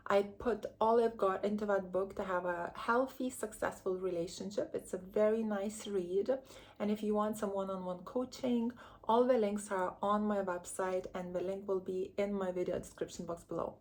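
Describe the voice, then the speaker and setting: A woman's voice: medium pitch, steady tone, normal speed, darkish tone. A woman from Lithuania, a relationship coach giving earnest, chatty advice to camera and drawing on her own upbringing. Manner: earnest, chatty, candid with personal stories. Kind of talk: direct-to-camera advice vlog.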